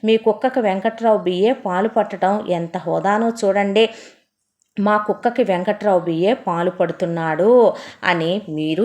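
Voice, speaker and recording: A woman's voice: mid-range voice, darkish tone. A woman narrating a story as a bitter, impassioned first-person monologue.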